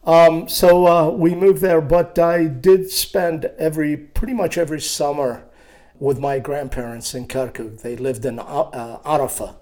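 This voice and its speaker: A man in his sixties from Iraq, telling his life story in an interview with a hesitant, halting manner and many fillers. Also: fairly high pitch, fairly even intonation, a little mellow. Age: 60s. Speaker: guest.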